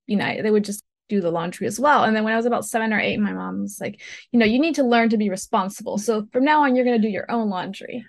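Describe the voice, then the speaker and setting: A woman's voice: medium pitch, no echo, studio quality. A woman from Ecuador, a food blogger, telling chatty stories from her childhood as an interview guest. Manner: chatty storyteller, laughs while telling. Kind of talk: casual interview chat.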